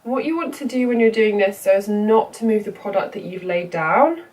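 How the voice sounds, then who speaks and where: A young woman with a blocked-up, cold-affected voice runs through a makeup tutorial as a vlogger, chatting with lots of ums and you-knows. Her medium-pitched, darkish voice has lively intonation and a moderate pace, with faint room noise from a slightly distant mic.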